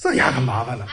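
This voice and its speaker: A man who is a preacher, telling a personal testimony as an animated storyteller who laughs often. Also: sits high, echoey room. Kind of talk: personal testimony told to a congregation.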